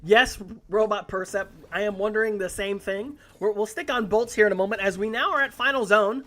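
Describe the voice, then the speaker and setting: An esports caster giving live play-by-play commentary on a mobile battle royale tournament, breaking into excited exclamations. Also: medium pitch, fairly quick.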